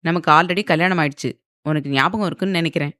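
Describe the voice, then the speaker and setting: A woman's voice: on the low side, normal speed, a bit bright, no echo, studio quality, close to an everyday voice. Woman doing a cocky, taunting male film star. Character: arrogant male film star, mocking and forceful.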